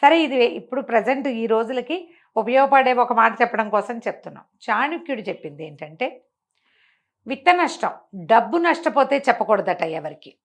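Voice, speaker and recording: A woman with a slightly high, expressive voice talks at normal speed as a storyteller explaining moral teachings. Her conversational talk is emphatic and full of rhetorical questions.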